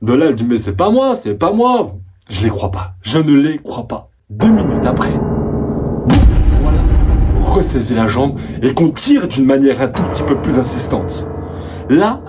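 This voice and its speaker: A young French man casually telling his own scary story to his viewers, dramatic and animated. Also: mid-range voice, normal speed, over music. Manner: animated, dramatic retelling with rising excitement.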